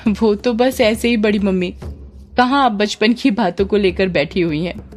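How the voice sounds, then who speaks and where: A woman's voice: medium pitch, moderate pace, darkish tone, soft background music, close to an everyday voice. A woman voicing a polite, easygoing young man in a spoken story.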